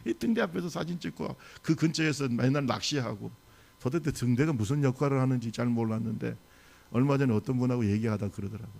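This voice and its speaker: Gravelly-voiced pastor preaching a sermon. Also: male voice, medium pitch, quick pace. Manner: animated storytelling, quizzing the congregation. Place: church service.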